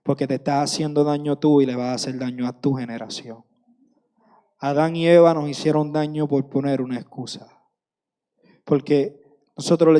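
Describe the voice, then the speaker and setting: A man's voice: a little high, warm tone, clean tone, big-room sound. A man in his thirties preaching a sermon with passion, repeating phrases for emphasis.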